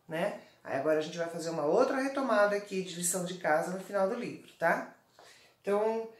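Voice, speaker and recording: Patient Brazilian teacher, echoey room. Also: female voice, mid-range voice. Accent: Brazilian Portuguese. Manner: patient, explains slowly, frequent "tá?" checks. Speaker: primary school teacher. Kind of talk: recorded online lesson.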